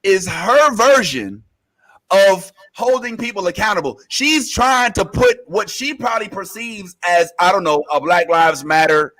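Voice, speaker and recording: A man co-hosting a casual reaction podcast, riffing in an animated, preachy way. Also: high-pitched, a little slow. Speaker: podcast co-host.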